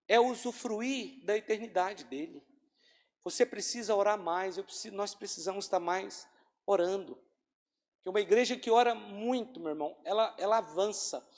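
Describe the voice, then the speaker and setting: A man preaching as pastor of his church in an earnest sermon that repeats key lines and swings between loud and soft. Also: sits high. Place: church hall. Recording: long hall reverb of a church.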